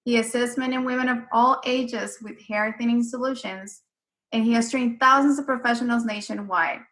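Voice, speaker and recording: A woman's voice: on the high side, steady tone, normal speed, fairly bright tone. A woman hosting an online interview, eager and effusive in her welcomes. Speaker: summit host.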